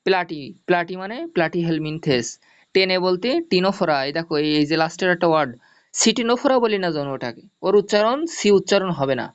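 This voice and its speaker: A male teacher gives an online zoology lesson, explaining step by step, repeating mnemonics and checking that students follow. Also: high-pitched. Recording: dull lo-fi audio.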